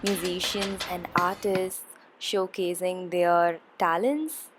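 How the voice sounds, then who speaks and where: A woman's voice: on the low side, steady tone, slow, husky. Chatty young woman travel vlogger. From India. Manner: chatty, with frequent ums and uhs. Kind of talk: casual travel vlog narration.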